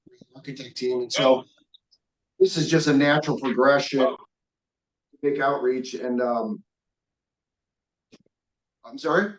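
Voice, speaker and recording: A man walks a community meeting through a real estate development plan in a steady, mid-range voice, though he stumbles, restarts frequently and repeats himself. The audio comes from far off a video call speakerphone in an echoey room, and it keeps breaking up, dropping out and clipping the ends of words.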